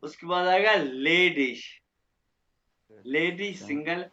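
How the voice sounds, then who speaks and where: A man teaching German vocabulary in an online lesson, repeating each word slowly and often checking that students follow. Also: on the high side, sharp tone, lo-fi sound.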